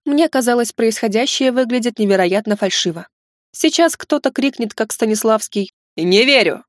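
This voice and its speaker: Expressive woman narrating a novel. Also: fairly high pitch, normal speed, no echo, studio quality. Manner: expressive, dramatic first-person reading. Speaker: audiobook narrator. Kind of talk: scripted narration of a romance novel.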